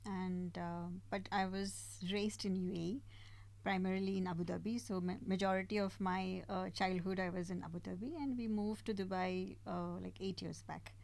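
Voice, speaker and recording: A woman's voice: medium pitch, fairly even intonation, moderate pace, vocal fry, a little mellow, no echo. A middle-aged woman from India talks eagerly about her path into art. She is friendly and laughs easily as she talks. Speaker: guest artist. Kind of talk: casual interview chat.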